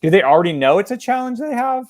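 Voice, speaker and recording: Fast-talking man giving a marketing talk. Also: sits high. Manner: fast, energetic, conversational with fillers and restarts. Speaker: marketing presenter. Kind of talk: webinar presentation.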